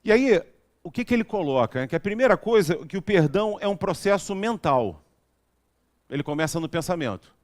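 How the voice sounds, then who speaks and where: Man, spiritual talk, conversational storytelling, fairly high voice, asides to the audience. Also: lively intonation, brisk. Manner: chatty, storytelling, frequent asides asking the audience. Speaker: lecturer at a spiritist center.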